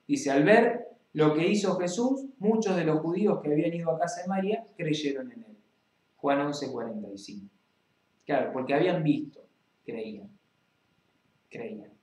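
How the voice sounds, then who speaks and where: Rioplatense male preacher, fairly high voice, reads scripture and speaks straight to the listener, roomy echo. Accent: Rioplatense Spanish. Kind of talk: Bible reading and preaching.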